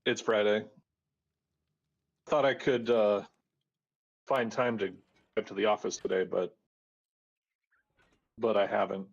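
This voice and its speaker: A man on a hollow, tunnel-like speakerphone, chatting casually and halting now and then as a friend calling in. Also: on the low side, fairly even intonation, gravelly. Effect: hollow, tunnel-like speakerphone sound. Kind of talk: casual chat. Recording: dull speakerphone over voice chat.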